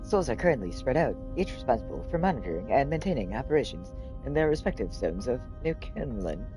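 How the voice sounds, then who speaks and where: A man's voice: mid-range voice, sing-song, quick pace, music in the background, natural voice. A man voicing a formal, apologetic male robot assistant in a video game, in a slightly robotic delivery. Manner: polite, stiff, apologetic.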